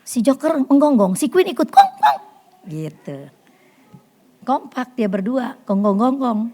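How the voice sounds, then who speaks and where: A woman preaching a sermon to a fellowship group in a church hall, animated, acting out quotes and swinging from loud to hushed. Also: a little high, measured pace. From Indonesia. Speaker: women's fellowship leader.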